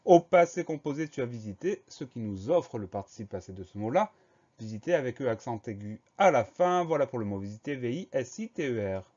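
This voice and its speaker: A male teacher giving a spelling lesson for primary pupils, spelling words out slowly letter by letter. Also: mid-range voice, lively intonation, dark tone. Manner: slow, careful letter-by-letter spelling. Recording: slightly dull lo-fi recording.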